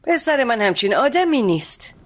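A woman's voice: a little high, big pitch swings. A woman dubbing a stern matriarch who defends her son in a television drama. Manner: stern, unyielding.

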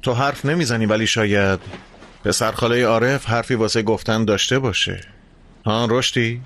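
A man's voice: on the low side, fairly bright tone, a little hiss or hum. A man dubbing a probing police commander in a television drama.

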